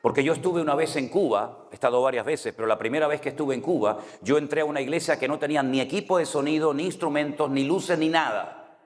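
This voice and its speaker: Talking fast in a slightly high voice, this man from Spain preaches a conversational sermon packed with anecdotes. He speaks with a Canary Islands accent, keeps checking with the congregation with "right?", and the recording carries long hall reverb.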